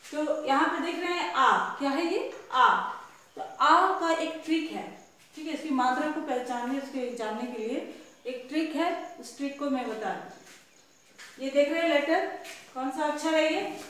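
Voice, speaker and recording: A woman's voice: high voice, normal speed, fairly bright tone, very echoey. A woman teaching young children, asking each question and then answering it herself. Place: classroom.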